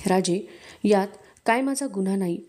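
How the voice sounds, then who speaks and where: A woman's voice: medium pitch, normal speed, warm tone, natural voice. A woman voicing a frightened captured male fort commander who speaks in rustic dialect with shaky bravado. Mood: pleading.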